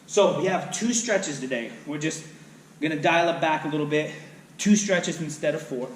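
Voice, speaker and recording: A man's voice: a little high, moderate pace, far from the mic, a little hiss or hum. A male fitness trainer explaining and demonstrating exercises in a gym, counting out reps as he moves. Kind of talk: instructional workout video. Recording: echoey room, voice from off-mic.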